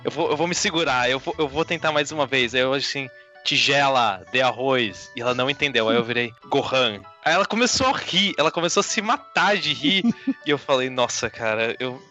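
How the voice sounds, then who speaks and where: Bright-voiced Brazilian man telling a story. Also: medium pitch, quick pace, lo-fi sound, faint music behind. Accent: Brazilian Portuguese. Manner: animated, self-mocking anecdote teller. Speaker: podcast co-host. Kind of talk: casual storytelling chat.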